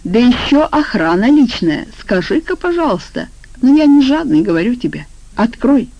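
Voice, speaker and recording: A woman's voice: fairly high pitch, very animated, moderate pace, mellow, highs cut off, a little hiss or hum, voice pushed up. A woman voicing a hardened middle-aged man who talks in blunt, sardonic banter. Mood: mocking.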